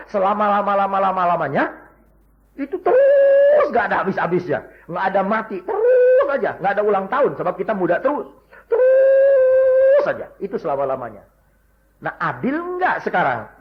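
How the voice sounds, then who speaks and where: A man preaching a lively sermon full of humorous stories, jumping from loud shouts to hushed asides and acting out the people he quotes. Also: on the high side. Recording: dull lo-fi recording.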